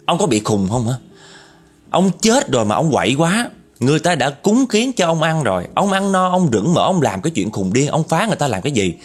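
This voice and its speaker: A man playing a fed-up young man who angrily scolds a ghost. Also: breathy edge. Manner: angry, scolding, higher and louder.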